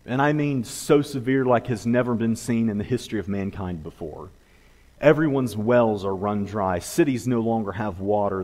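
A man from preaching a sermon to his church, earnest and pleading, often restarting his phrases. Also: medium pitch. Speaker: pastor. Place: church sanctuary. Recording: long hall reverb.

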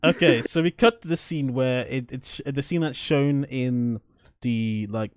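A man's voice: medium pitch, a little slow, darkish tone, smooth, no room sound. A man chatting casually as a podcast co-host, laughing often and restarting his sentences as he recaps an episode. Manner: laughs often, stumbles and restarts, acts out quotes. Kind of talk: casual chat reviewing a TV episode.

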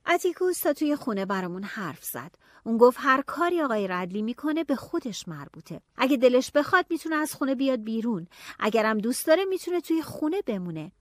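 A woman narrating a novel in the first person, telling it in a lively, expressive way. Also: on the high side, no echo, studio quality. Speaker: audiobook narrator.

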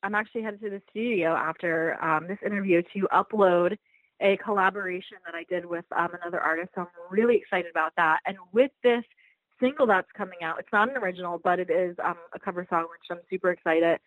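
Female musician guest, bubbly and excited, chatty with fillers, dry close sound. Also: fairly low pitch, fast talker, no echo, poor audio. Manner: enthusiastic, gushing, many fillers. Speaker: singer, interview guest. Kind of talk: casual interview chat.

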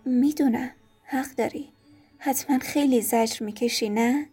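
Woman voicing a gentle young boy, curious, soft, kind, mellow tone. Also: sits high, faint music behind, natural voice.

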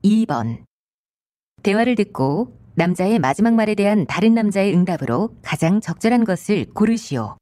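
A woman announces quiz questions with the formal, flat delivery of a listening-test announcer. Her voice is mellow and warm, though her intonation still moves up and down. Each line comes out measured and exact. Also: medium pitch. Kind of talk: mock exam listening-test narration.

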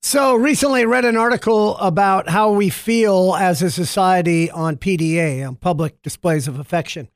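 A man's voice: high-pitched, normal speed, few pauses, dry recording, clean studio sound. A man hosting a radio show, chatting casually and teasing his wife on the phone. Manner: joking, teasing, playful. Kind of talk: casual morning radio banter.

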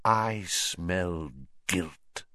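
A man voicing a cold, menacing dark wizard lord from a storybook, speaking with deliberate, theatrical disdain. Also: low-pitched, no room sound, studio quality, pitched below the performer's own voice, exaggerated voice. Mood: accusing, cold.

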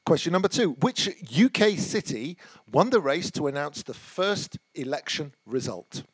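A man's voice: fairly high pitch, big pitch swings, normal speed, breathy edge, no room sound, poor audio. A man co-hosting a quiz in a casual way, with a playful, wry manner. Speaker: quiz show co-host. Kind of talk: casual banter.

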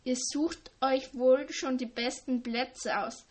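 A woman's voice: high-pitched, fairly even intonation, slow, a little mellow. A woman reading the part of a cheeky, boyish teenage schoolgirl, matter-of-fact in tone.

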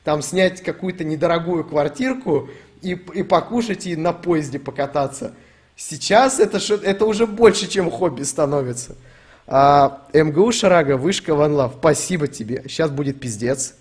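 A young man on a live stream, talking in a slightly higher voice than most men. He rambles through fillers and swears constantly as he reads donations and riffs on them. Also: animated, normal speed, a little mellow. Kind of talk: casual profane streaming rant.

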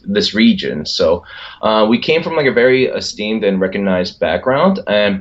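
A man in his thirties from Philadelphia, a company executive chatting as a guest in an interview over a video call, relaxed and quick to laugh. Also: lowish voice. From Philadelphia, United States. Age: 30s. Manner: laughs often, relaxed with fillers. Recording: dull lo-fi call audio.

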